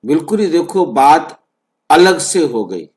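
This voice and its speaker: A man explaining scripture slowly and deliberately as a spiritual teacher, repeating phrases for emphasis over an online call. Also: fairly high pitch, sing-song, darkish tone. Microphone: online video call.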